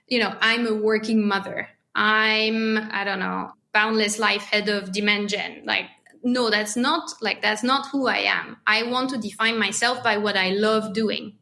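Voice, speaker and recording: A woman in her thirties from France, speaking with a French accent, talks as a podcast guest in a medium-pitched voice that's gravelly, bright, and forceful. Her casual interview talk is thoughtful, and she often restarts her phrases.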